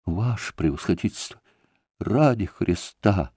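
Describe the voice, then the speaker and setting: A man's voice: a little high, big pitch swings, takes it slowly, dark tone, dry recording, studio quality, pitched above the performer's own voice, full character voice. A man voicing a desperate, poor staff captain who keeps pleading and breaking off his words. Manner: imploring, breaking off mid-plea.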